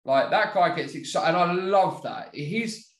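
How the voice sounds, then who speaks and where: A man's voice: high-pitched, lively intonation, unhurried, fairly bright tone. A British man co-hosting a podcast in casual chat, rambling and sweary, recorded in an echoey room. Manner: sweary, rambling, often checking he is understood. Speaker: wrestling podcast co-host.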